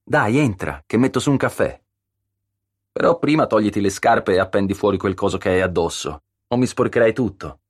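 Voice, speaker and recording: A man with a low voice voicing a cheerful, bustling pregnant woman in her thirties, brisk and teasing in an audiobook. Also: animated, breathy edge, dry recording, studio quality. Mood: bossy cheerful. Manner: brisk, bossy, warmly teasing.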